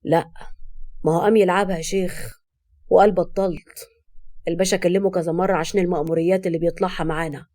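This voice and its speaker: A woman's voice: fairly low pitch, steady tone, fast talker, long pauses, mellow, lightly acted. A woman voicing an indifferent middle-aged male officer who explains things offhandedly, with an Egyptian accent. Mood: offhand. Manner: offhand, shrugging.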